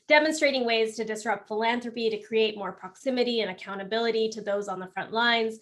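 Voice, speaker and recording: A woman's voice: on the high side, a bit bright. A woman moderating an online panel, reading an upbeat scripted introduction. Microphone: video call.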